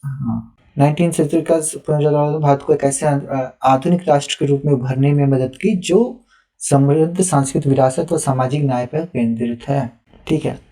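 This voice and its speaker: A man's voice: mid-range voice, steady tone, normal speed, dark tone. A young adult man, a teacher, giving live feedback on students' written answers and reading them aloud in a patient, instructive way. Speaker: teacher evaluating answer sheets.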